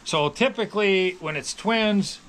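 A man's voice: sits high, unhurried, fairly bright tone, a little hiss or hum. A middle-aged man, a dairy farmer, telling stories in a casual, rambling way, with many restarts. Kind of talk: casual storytelling. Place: on a farm, near calves.

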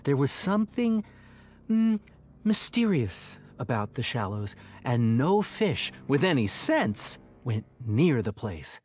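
A man narrating a children's audio story in a lively, expressive manner. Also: mid-range voice, slow pace.

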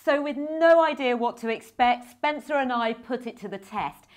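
A woman's voice: high-pitched, normal speed. A woman presenter with a British accent, bubbly and amused as she introduces and reviews the show.

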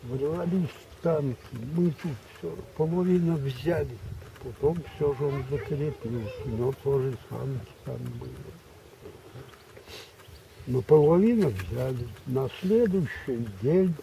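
An elderly man, a war veteran, telling a rambling grandpa story in a halting, repetitive, colloquial way. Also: medium pitch, creaky, warm tone. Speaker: war veteran recounting memories. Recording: distant mic, muffled, background noise.

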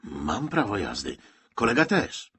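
A man voicing a calm, wry young soldier in an audiobook who reassures his friend. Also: lowish voice, a little slow, slightly rough, full character voice.

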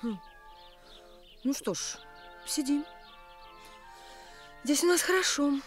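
A young adult actress plays a capricious, teasing, bored young provincial woman in a radio play, mocking and imperious. Her high voice is animated but slow, with soft music in the background.

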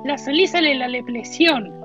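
A woman's voice: sits high, normal speed, fairly bright tone, muffled recording, faint music behind. A woman voicing a boastful, lonely male talking tomato can with an Argentine accent, in a comic house-tour sketch, cheeky and self-pitying. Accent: Argentine Spanish.

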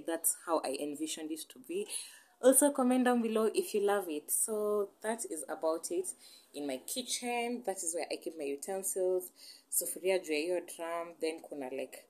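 A woman's voice: fairly low pitch, darkish tone. A young woman with a Kenyan accent giving a casual tour of her small home, chatty, slipping between English and Swahili slang while holding her phone camera. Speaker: vlogger. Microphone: phone camera held while walking.

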